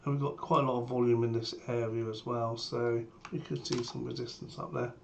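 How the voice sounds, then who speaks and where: Sick and speaking through a sore throat, a trader briskly walks through his premarket plan in a mid-range, gravelly voice, keeping his live market commentary matter-of-fact. The sound is lo-fi, with constant background noise and typing on a keyboard.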